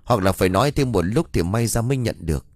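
A man's voice: on the low side, expressive, quick pace, dry recording. A man voicing a usually fearless village husband who is now uneasy and bewildered, speaking hesitantly in an audio ghost story. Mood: troubled.

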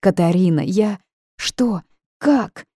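A woman's voice: fairly low pitch, normal speed, dark tone, dry recording, studio quality. Woman doing a wailing old ghost man. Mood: flustered. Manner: wailing, self-pitying outbursts. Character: fussy old male ghost, frantic and grumpy.

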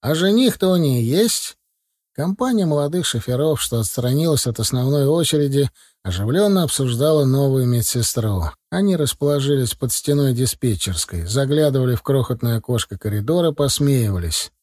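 Man, audiobook narrator, mid-pitched voice, dry close recording, measured reading. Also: animated, darkish tone, no echo. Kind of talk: scripted narration of a novel.

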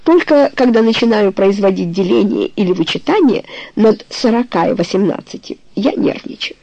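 Brief: a woman voicing a tender, wry man of forty in an audiobook, lowered and quiet, creaky and dark. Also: lively intonation, normal speed, no echo, low-quality recording.

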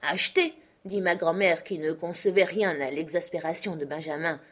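Une lectrice qui fait parler une femme âgée, pratique et grondeuse, qui sermonne son frère. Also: female voice, low-pitched, normal speed. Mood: proud. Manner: fussing, reproachful. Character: scolding, practical older sister, a woman.

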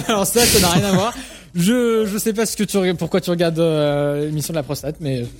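A fairly high-voiced man presents a media segment on a small web radio show. He reads his notes in a chatty way, with little jokes and asides to his partner. His tone is relaxed and conversational. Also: normal speed, over music. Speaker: radio co-host.

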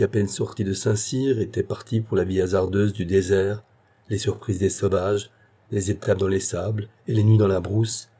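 Low, husky male audiobook narrator. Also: mellow. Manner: measured literary narration. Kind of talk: audiobook reading of a classic novella.

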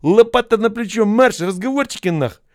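A man voicing a gruff, stern military commissar who shouts curt commands at recruits. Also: fairly high pitch, sing-song, normal speed, dry recording, studio quality, pitched above the performer's own voice. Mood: barking.

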